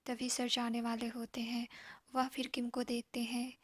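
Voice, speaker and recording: A woman's voice: fairly high pitch, monotone, moderate pace, no room sound, studio quality. A woman casually narrating a love story, voicing the characters' lines and often slipping into an unvoiced whisper. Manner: chatty, asides to listener.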